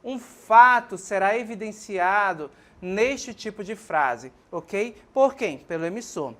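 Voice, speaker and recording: A Brazilian woman teaching a televised lesson in a clear, didactic way. She addresses students as "minha gente" and "pessoal" and keeps checking that they follow along. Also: mid-range voice, animated, slow, fairly bright tone. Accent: Brazilian Portuguese. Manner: didactic, frequent checking questions like ok and certo.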